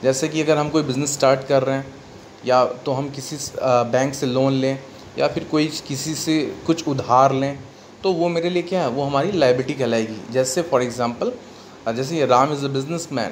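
A man with an Indian accent teaches accountancy, mixing Hindi and English as he explains each step and answers the questions he raises. He speaks at medium pitch and a moderate pace, with faint background noise in the recording.

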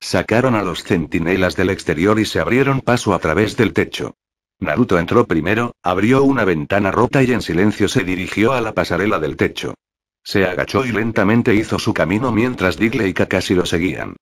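Male fanfic narrator, very low pitch, steady flat delivery.

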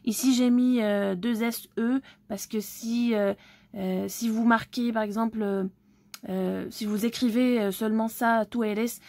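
Speak slowly as a patient woman tutor, dry and close. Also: fairly high pitch, steady tone, a little mellow, no echo. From Algeria. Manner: slow, explaining step by step, often checking understanding. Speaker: language teacher. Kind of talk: online language lesson.

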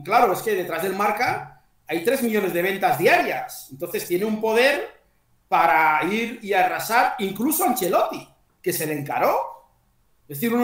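A middle-aged man hosting an online panel discussion over a video call from a small tiled room, talking conversationally and groping for names. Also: high voice. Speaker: host. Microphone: headset on a video call. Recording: echoey room, far from the mic.

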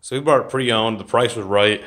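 Recording on his phone as he walks around his garage and yard, partly in the open air, a male vlogger chats casually, rambling and using fillers. His medium-pitched voice has a fairly bright tone and a moderate pace, with a little hiss or hum in the audio.

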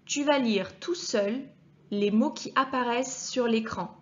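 A woman teacher giving a clear reading lesson to young children, speaking to the child directly and sounding out each letter with care. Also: a little high, dull audio. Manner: patient, addresses the child directly, deliberately articulated sounds. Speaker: primary school teacher.

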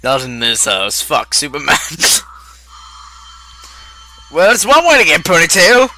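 Woman playing a manic male clown villain, giggling, crude, slow drawl, sharp bright tone. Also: sits low, very animated, exaggerated voice. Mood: gleeful, unhinged. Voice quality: cackling, crude, theatrical. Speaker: video reactor in character. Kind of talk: in-character reaction commentary.

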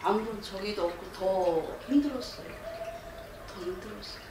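Woman client, soft-spoken and hesitant, recorded from afar in an echoey, noisy room. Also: medium pitch, moderate pace, distant mic. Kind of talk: consultation with a shaman.

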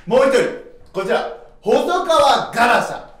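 High-pitched, theatrical young man, echoey room. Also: very animated, a bit bright. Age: young adult. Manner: emphatic, theatrical, drawn-out key words. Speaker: history channel host in samurai persona. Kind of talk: animated lecture to camera in archaic samurai speech mixed with casual talk. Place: small bare room at a whiteboard. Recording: echoey room, distant microphone.

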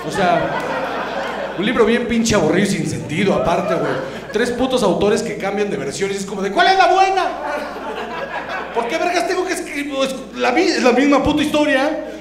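A man with a Mexican accent doing a stand-up comedy set, talking in brash, profane slang. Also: high voice. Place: comedy club stage with live audience. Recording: roomy live club with audience laughter.

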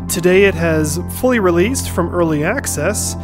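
Indoors at home, a man hosts a gaming video, offering chatty, casual playthrough commentary and reading on-screen text aloud. His voice is high and animated at a moderate pace, with game music in the background.

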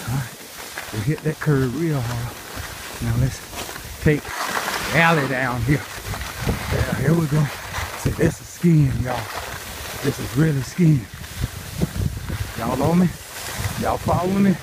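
A middle-aged skier films his own run on a handheld phone or camera, giving viewers live first-person commentary in short, repeated phrases as he exerts himself. His voice is mid-range, and loud wind and rushing ambience fill the recording.

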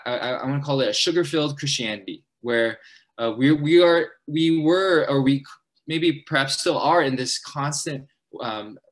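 A young man gives a church seminar talk to college students, pressing ahead in a hurried, earnest rush. His voice sits at an everyday middle pitch. He often stops to restart his sentences and fills the gaps with "um" and "uh". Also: fairly bright tone. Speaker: college ministry leader at a church.

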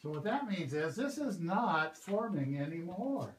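A man working as a park ranger leads a group through a cave, explaining things patiently and often checking in with them. His voice sits fairly high. The recording is roomy and echoey, with loud background noise around him. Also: animated, a little slow. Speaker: park ranger tour guide. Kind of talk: guided cave tour talk. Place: visitor center lobby, then inside a cave.

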